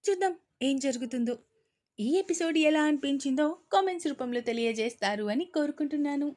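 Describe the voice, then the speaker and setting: Woman reading a serial story, kinda high voice, no room echo. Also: fairly quick. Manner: steady storytelling, voicing every character herself. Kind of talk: audio story narration.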